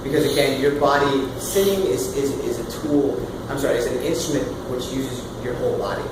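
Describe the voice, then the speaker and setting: A man in his thirties leading a casual singing workshop, loud and animated, swearing now and then and demonstrating sounds as he explains. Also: medium pitch, fairly quick. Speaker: vocal coach. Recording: roomy, far from the mic, with room noise.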